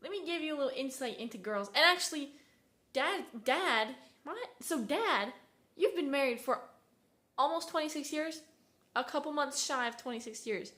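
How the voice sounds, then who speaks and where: A woman's voice: high-pitched, lively intonation, normal speed, bright, forceful tone. A young woman talking straight to camera in a casual vlog, venting and full of fillers. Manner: chatty, fills talk with "like", "bro" and "dude"; irritated, venting. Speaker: vlogger.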